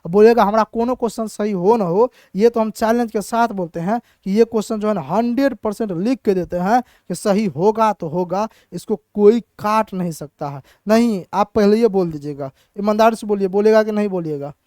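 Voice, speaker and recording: Young man, exam tutor, chatty rhetorical questions, smooth voice, dry close sound. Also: high voice, normal speed, hardly any pauses, a little mellow, no room sound. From Bihar, India. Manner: chatty, asks rhetorical questions and answers himself. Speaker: teacher. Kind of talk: exam-prep reasoning lesson.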